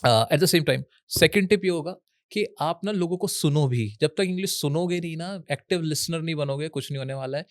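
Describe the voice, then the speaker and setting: Young Indian man, guest, dry close sound, slightly high voice, chatty advice-giver mixing Hindi and English. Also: normal speed, no echo. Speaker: educational YouTuber guest. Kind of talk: casual Hinglish interview talk.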